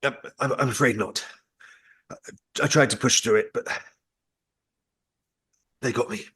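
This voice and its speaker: A man's voice: mid-range voice, fairly even intonation, a little slow, husky. A man playing a brusque commanding officer who barks clipped orders and sneers at Americans, reading over a video call. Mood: wounded, wry. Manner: clipped, impatient orders with a sharp tongue. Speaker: table read actor. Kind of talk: script table read over video call.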